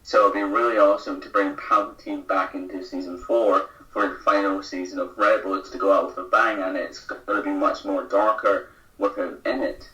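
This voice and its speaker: A male guest in a casual fan chat, speaking in an agreeable, steady way. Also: low voice, moderate pace, few pauses. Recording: echoey room, far from mic.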